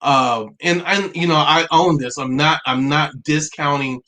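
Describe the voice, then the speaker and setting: A man in his forties hosting a live-streamed talk, earnest and halting, stopping often to restart and to read out viewer comments. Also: on the high side, steady tone, pushed and bright. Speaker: livestream host.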